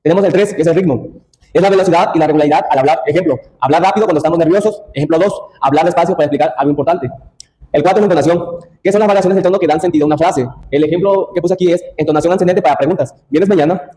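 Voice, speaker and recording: A man's voice: on the high side, racing, mellow, poor audio. A young man giving a class presentation, reading from his slides with restarts and asides. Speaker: student presenter.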